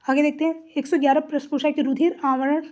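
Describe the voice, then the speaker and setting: A woman's voice: high-pitched, level tone, fast, a little mellow. A woman teaching an exam-prep lesson, explaining each answer step by step and repeating the key terms.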